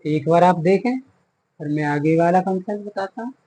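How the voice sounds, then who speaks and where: A man's voice: high voice, normal speed, dark tone, poor audio. A man teaching English grammar for exam prep, explaining in Hindi and dictating example words one at a time, repeating them.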